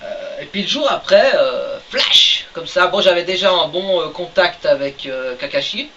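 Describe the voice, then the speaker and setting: Heard through a distant mic with dull, lo-fi audio and a faint hiss, a man with a fairly high, sharp, expressive voice talks a little slowly. He co-hosts a laid-back podcast and wrote the story, and his casual chat is hesitant, filler-heavy, and laced with dry humor.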